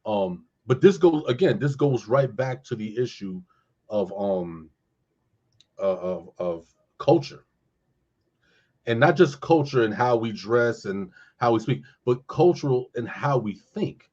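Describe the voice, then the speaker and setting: A man with a husky, slightly breathy voice talks scripture in an animated, casual way, often stopping on fillers as he gathers his thoughts. The recording sounds dull and lo-fi. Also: mid-range voice, a little slow. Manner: animated, searching for words with many fillers. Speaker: co-host discussing scripture. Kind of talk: casual discussion.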